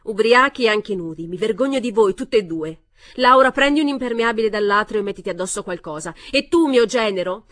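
A woman reading aloud, voicing a long-silent older mother who scolds in a shrill, loud voice. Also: unhurried, dry recording, natural voice. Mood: scolding, shrill. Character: silent older mother finally snapping in anger.

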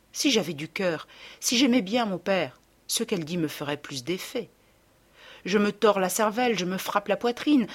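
Low-voiced woman reading a novel aloud. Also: husky. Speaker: audiobook narrator. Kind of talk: scripted literary narration.

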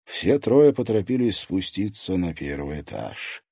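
A man narrating an audiobook in an expressive reading style. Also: deep voice, a little slow, vocal fry, slightly rough, no room sound, clean studio sound. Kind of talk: scripted narration.

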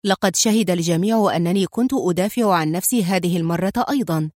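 A woman reading a calm, sarcastic male businessman under questioning, in an audiobook. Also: sits high, fast, dry recording, studio quality, lightly acted. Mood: calm mocking. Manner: calm, mocking.

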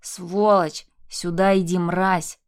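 A woman reading an audiobook, voicing a cruel, abusive husband who sneers and shouts insults. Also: mid-range voice, measured pace, close to an everyday voice. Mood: raging. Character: abusive enraged husband, man, cruel and mocking.

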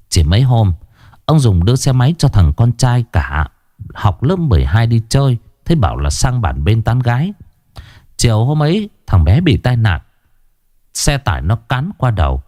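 A man narrating a ghost story in the first person, dramatic and expressive, dwelling on grim details. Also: mid-range voice, moderate pace, no echo, clean studio sound.

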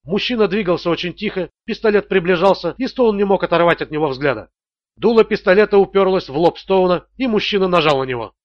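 A man narrating an audiobook thriller in a steady, tense manner. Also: sits high, quick pace, no echo, dull audio.

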